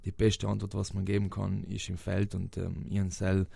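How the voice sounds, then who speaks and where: Deep, creaky, mellow and husky, this young South Tyrolean footballer's voice stays monotone at normal speed, with no echo. Interviewed in his South Tyrolean German accent, he stumbles through answers with many fillers and restarts.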